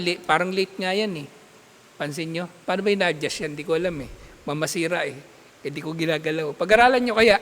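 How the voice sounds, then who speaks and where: A man teaching an Islamic studies class, explaining patiently, checking with his students and reciting Arabic text in quick bursts. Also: high voice, fairly bright tone, long reverb tail. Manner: explains patiently, checks understanding with repeated "okay?". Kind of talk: classroom lecture.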